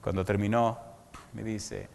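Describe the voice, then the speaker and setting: Blunt pastor in a reverberant hall. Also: male voice, fairly low pitch, fairly even intonation, measured pace, gravelly, darkish tone, slight background noise. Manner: dramatic storytelling, blunt and direct. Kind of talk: evangelistic sermon.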